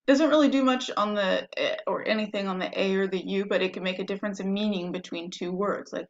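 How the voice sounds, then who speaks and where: A woman's voice: medium pitch, dull audio. Patient woman teaching a language lesson. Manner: patient, explains step by step and spells words letter by letter. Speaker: French teacher. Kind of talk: classroom-style lesson.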